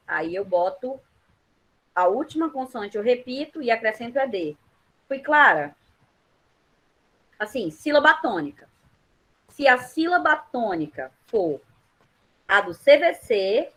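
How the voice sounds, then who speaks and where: A woman's voice: on the high side, a bit bright, poor audio. A woman teaching English grammar in Brazilian Portuguese, explaining step by step and checking that her students follow. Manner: patient, checks understanding with quick questions.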